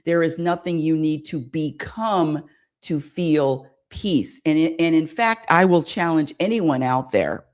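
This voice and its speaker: A woman's voice: low-pitched, animated, unhurried, a little mellow. A woman hosting a spirituality radio show, talking in a repetitive, searching way and often asking listeners for agreement. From United States. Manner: repetitive and searching, calls for audience affirmation. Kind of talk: spiritual talk monologue.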